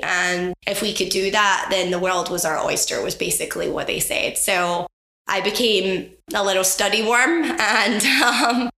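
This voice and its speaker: A woman's voice: medium pitch, sharp tone. A woman from the west coast of Scotland with a Scottish accent and a cold, earnestly telling her story as a podcast guest. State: has a cold. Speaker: guest, charity founder. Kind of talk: conversational interview. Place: office. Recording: roomy office recording.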